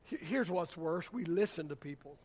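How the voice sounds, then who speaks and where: A man's voice: a little high, expressive, moderate pace, darkish tone. A man, a pastor, preaching a sermon in a church in a conversational, humorous storytelling way. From United States.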